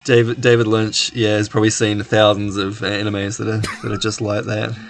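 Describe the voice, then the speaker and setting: Low-pitched man with mild New Zealand accent. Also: little pitch movement, moderate pace. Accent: New Zealand, not strong. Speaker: podcast host. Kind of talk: casual, joking podcast chat.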